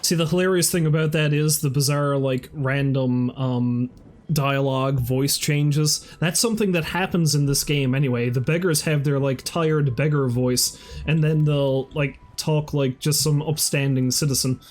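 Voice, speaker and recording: A man's voice: fairly high pitch, fairly even intonation, normal speed, a little mellow. Amused rambling male game streamer. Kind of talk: casual let's-play commentary.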